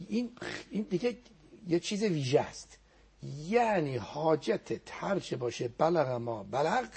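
A man's voice: a little high, vocal fry, a little mellow, breathy edge. A man giving a religious talk as a guest on a program, teaching earnestly and quoting Arabic prayers, his voice sometimes sinking to a near whisper.

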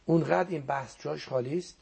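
A man's voice: fairly high pitch, vocal fry, darkish tone, husky. A man giving a religious talk as a guest on a program, teaching earnestly and quoting Arabic prayers, his voice sometimes sinking to a near whisper.

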